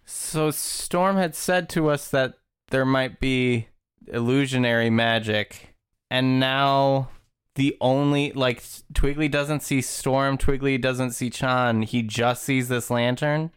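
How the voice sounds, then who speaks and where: Smooth-voiced man at a game table. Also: mid-range voice, slow. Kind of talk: casual game table chat.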